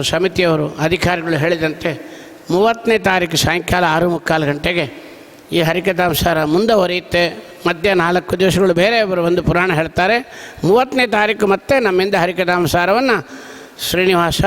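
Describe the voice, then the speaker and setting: A man's voice: high-pitched, fairly even intonation, normal speed, fairly bright tone. A man giving a devotional sermon, telling the story dramatically and acting out the dialogue. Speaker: religious discourse speaker. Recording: reverberant hall.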